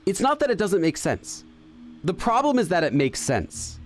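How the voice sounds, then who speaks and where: Over soft background music, an English-speaking gaming host thinks aloud through a let's-play, stumbling into fillers and restarts while translating for himself. His high-pitched voice swings widely in pitch at a normal speed.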